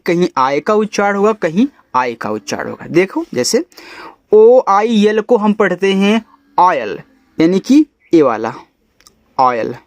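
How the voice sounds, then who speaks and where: A man teaching an English reading lesson, who spells out each letter slowly and then says the whole word lower and softer, checking in with his students. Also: dry recording. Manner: coaxing, checks in with "ठीक है?". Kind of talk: step-by-step phonics lesson.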